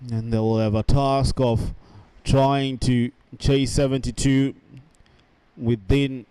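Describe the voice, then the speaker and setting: Male cricket commentator, slow deliberate pace, dark mellow tone, smooth clear voice, dry close sound. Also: medium pitch, level tone, dry recording. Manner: measured, unhurried delivery. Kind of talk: live sports commentary.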